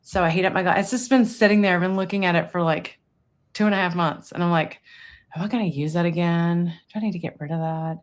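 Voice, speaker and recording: A woman's voice: lowish voice, fairly even intonation, fast. A woman in her fifties chatting casually as a guest, rambling through her daily routine with lots of fillers. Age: 50s. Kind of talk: casual chat. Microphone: streaming interview setup.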